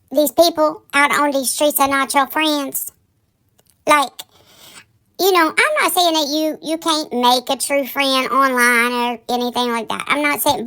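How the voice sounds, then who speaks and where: A woman's voice: a little high, fairly bright tone. A woman giving casual gossip commentary in a sassy, campy, theatrical drag-queen style, folksy and colloquial. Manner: folksy, colloquial, addresses listeners as darlings. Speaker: online drama commentary host.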